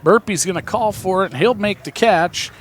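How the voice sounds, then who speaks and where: A man with an American Midwest accent calling a local baseball game play-by-play, chatty and reading viewer texts between pitches. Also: normal speed, crowd noise. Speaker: play-by-play announcer.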